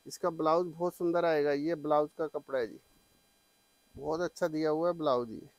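Eager higher-voiced salesman. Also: fairly even intonation, moderate pace, no echo, rough recording. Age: middle-aged. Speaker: saree shop seller and presenter. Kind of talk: sales pitch demonstrating products to camera. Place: small saree shop, indoors. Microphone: clip-on lapel mic.

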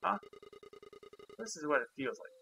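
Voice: mid-range voice, very animated, moderate pace, gravelly, pushed and bright. A game reviewer reading game dialogue aloud, switching between the lines of two bickering characters. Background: game music.

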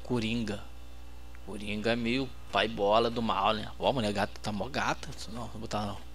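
A man with a Brazilian accent giving excitable, trash-talking commentary while playing a fighting game. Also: lowish voice, moderate pace, slight background noise. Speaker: gameplay host. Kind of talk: let's-play commentary.

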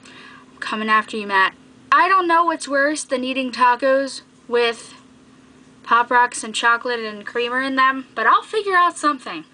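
A woman's voice: high voice, lively intonation, normal speed, bright, forceful tone. A young adult woman chatting casually and playfully to camera as a video blogger, recorded in a small bedroom on the camera's mic. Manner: playful, teasing. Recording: noisy home webcam-style recording.

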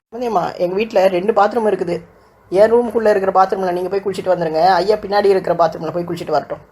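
A woman's voice: mid-range voice, steady tone, rapid-fire, a little mellow, husky, natural voice. A woman voicing a patient, polite young housewife in a cartoon, speaking soothingly. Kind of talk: cartoon voice acting.

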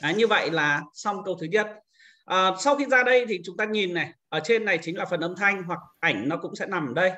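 A teacher trainer walks fellow teachers through a screen-recorded software tutorial, patiently taking each step in order. His high voice is bright and forward, with lively intonation and a brisk delivery.

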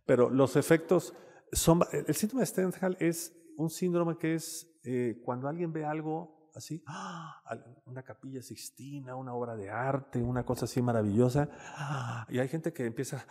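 A man's voice: medium pitch, normal speed, mellow. A man with a Mexican accent giving a casual, conversational lecture with slides as a panelist, often tagging on "¿no?". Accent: Mexican Spanish. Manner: conversational, peppers speech with "este" and "¿no?". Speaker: panelist speaking on literature and mental health. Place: lecture room at a university campus. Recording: reverberant hall sound.

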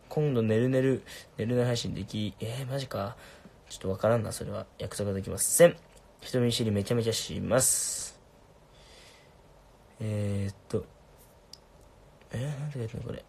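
A young man casually answering viewer questions on a livestream, laid-back and soft-spoken. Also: mid-range voice, gravelly, breathy edge.

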